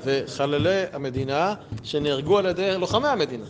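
A man's voice: a little high, muffled recording, crowd noise. Man teaching a Torah lesson. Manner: conversational, with rhetorical questions and sudden emphatic rises. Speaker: religious teacher.

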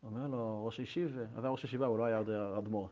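A middle-aged man, a rabbi, teaching a Torah lesson with stories to listeners in a room. He speaks animatedly, often restarts, and swings between loud and soft. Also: on the low side, steady tone. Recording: dull lo-fi recording.

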